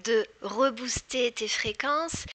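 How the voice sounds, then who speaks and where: A woman hosting a guided hypnosis session, speaking in a deliberate, instructive way. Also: fairly high pitch, a bit bright. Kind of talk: guided hypnosis, scripted introduction.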